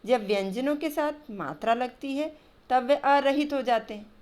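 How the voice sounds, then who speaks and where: A woman's voice: high voice, unhurried, a little mellow. A woman teaching a grammar lesson to children, patiently spelling out letters and sounds one by one over slides.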